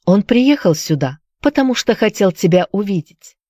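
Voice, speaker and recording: A woman's voice: mid-range voice, big pitch swings, normal speed, warm tone, no echo, studio quality, pitched above the performer's own voice. A woman reading a story aloud, voicing a desperate young woman in love who pleads in a tearful, breathless way. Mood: gentle.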